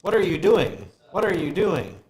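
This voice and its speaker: A man voicing a glitching station computer that reads out errors in a flat, halting way during a tabletop game. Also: high voice, echoey room, rough recording. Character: glitching, failing station computer, panicky and broken.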